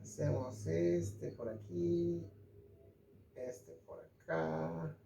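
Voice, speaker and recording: Man, math teacher, jokey, checks in often, slightly high voice. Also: fairly even intonation, extremely slow, creaky, dark tone, slight background noise. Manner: chatty, jokey, asks "¿sí?" and "¿ok?" to check in. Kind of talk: informal online math lesson.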